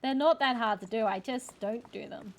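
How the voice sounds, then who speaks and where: Australian woman streamer with a high voice. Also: normal speed. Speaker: livestreamer, VTuber. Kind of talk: casual gameplay commentary. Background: music.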